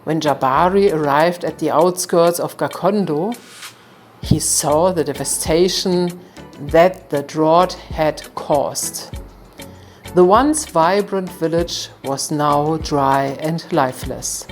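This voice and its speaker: A woman narrating a folktale in a calm, measured storytelling manner. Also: low voice.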